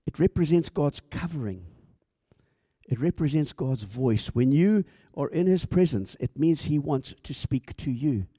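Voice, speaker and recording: A middle-aged male pastor preaching in a relaxed, conversational way, playing out little back-and-forth exchanges and tripping over his words now and then. His voice is mellow and dark, recorded close and dry with almost no room sound. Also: fairly high pitch, unhurried, dry recording. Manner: conversational preaching, acts out dialogue, stumbles and repeats words. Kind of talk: sermon.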